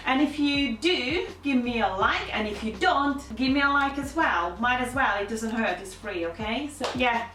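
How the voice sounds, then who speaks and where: A Hungarian woman in her thirties, with a Hungarian accent, candidly tells her life story to camera as a vlogger. Her fairly high, bright voice is animated and moderately paced, with hardly any pauses but many fillers and restarts. The sound is roomy, the mic is distant, and faint music plays.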